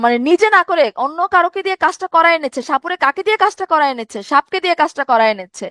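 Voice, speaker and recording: Female teacher, high voice, dry recording, explains grammar by repetition and questions. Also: a bit bright, dry recording. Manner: asks questions and answers them herself, repeats key points. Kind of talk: grammar lesson.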